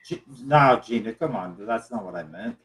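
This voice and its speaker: A man's voice: lowish voice, expressive, normal speed, a bit bright. Man, chatting casually. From Cape Cod, Massachusetts. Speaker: participant in a live group chat. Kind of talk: casual chat.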